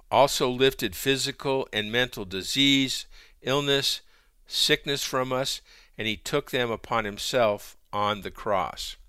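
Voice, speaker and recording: Emphatic male preacher, bright crisp voice. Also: mid-range voice, dry recording, clean studio sound. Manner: emphatic, measured delivery with repeated word lists. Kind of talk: sermon.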